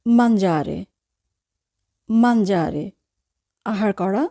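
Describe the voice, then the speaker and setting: Slow, mellow-voiced woman teaching vocabulary. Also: medium pitch. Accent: Bangladeshi Bengali. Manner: repeats each word slowly, then translates. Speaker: language teacher.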